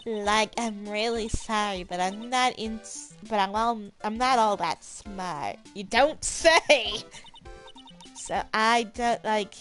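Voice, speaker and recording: Ditzy valley-girl young woman, done by a female streamer, airy filler-heavy delivery, unhurried. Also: medium pitch, a bit bright, soft background music.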